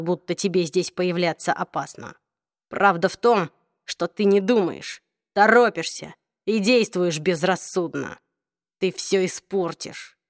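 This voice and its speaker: Woman reader playing a cold young man in an audiobook, dropped low and slow, curt delivery, dry close sound. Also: no echo.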